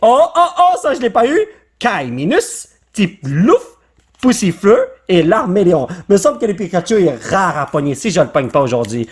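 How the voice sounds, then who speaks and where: A high-voiced man with a Quebec French accent who chats casually through a card-opening video. His pitch jumps around constantly and he keeps breaking into excited high exclamations, with English slang mixed in. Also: moderate pace, breathy edge. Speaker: YouTuber.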